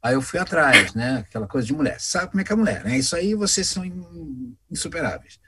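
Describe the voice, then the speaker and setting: A man, a voice actor telling anecdotes in a casual interview, animated and acting out the voices of the people in his stories. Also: a little high, a little fast, heavy background noise. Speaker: voice actor guest.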